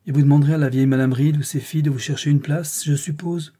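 A man reading a brusque teasing gentleman. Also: fairly high pitch, fairly even intonation, fast talker, slightly rough, pitched above the performer's own voice. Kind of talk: audiobook reading.

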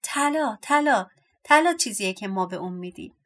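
Greedy, ugly little dwarfs from a storybook, clamoring for treasure in shrill, repeated cries, as a woman reader puts them on. The voice sits high and pushes hard on every demand. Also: animated, lightly acted. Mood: gleeful shouting.

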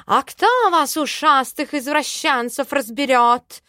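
A woman voicing a fussy, suspicious male talking cat in an audiobook, with excitable, theatrical outbursts. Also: sits high, measured pace, dry recording, clean studio sound, pitched above the performer's own voice. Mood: accusing. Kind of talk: audiobook character voice.

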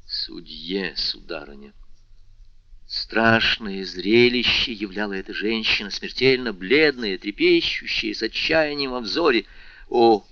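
A man's voice: fairly low pitch, a little slow, hardly any pauses, bright, forceful tone, dry recording, dull audio. A man narrating a classic novel as an audiobook, reading expressively. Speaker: audiobook reader. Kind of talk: scripted narration.

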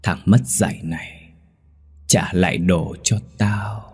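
A man's voice: sits low, steady tone, darkish tone, husky, exaggerated voice. A man doing a vengeful woman's ghost. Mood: menacing. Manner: gloomy, slow, threatening. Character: vengeful female ghost, cold and menacing.

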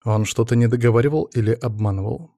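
Mellow-voiced male audiobook narrator. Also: medium pitch, quick pace, dry recording, studio quality.

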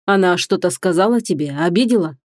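Worried, loving young man in a romance audiobook, voiced by the female narrator, calm and earnest. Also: lowish voice, brisk, no room sound, studio quality, natural voice.

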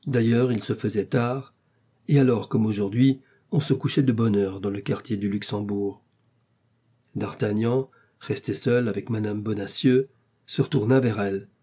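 Mellow-voiced male audiobook narrator. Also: fairly low pitch, husky. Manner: measured, steady storytelling. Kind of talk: scripted literary narration.

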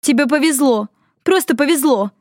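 A sharp-tongued young healer girl, voiced in a raised, pressed tone as a woman reader puts her on. She frets and scolds. The sound is dry and close. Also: fairly high pitch, animated, moderate pace, no echo, pitched above the performer's own voice, lightly acted. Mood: scolding.

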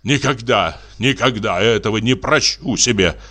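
A man playing a blunt, hot-tempered middle-aged landowner, blustering and halting, as in an audiobook drama reading. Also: fairly low pitch, a bit bright, pitched below the performer's own voice. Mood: exasperated. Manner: blustering, halting, self-mocking.

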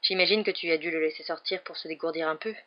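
A woman reading aloud, voicing a cold, calculating teenage schoolboy who speaks in smooth, quiet threats. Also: low voice, fairly even intonation, fast, muffled recording, natural voice. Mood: coldly menacing.

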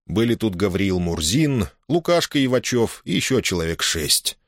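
Expressive male audiobook narrator. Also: fairly low pitch, moderate pace, no room sound, clean studio sound. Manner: expressive storytelling. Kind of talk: audiobook reading.

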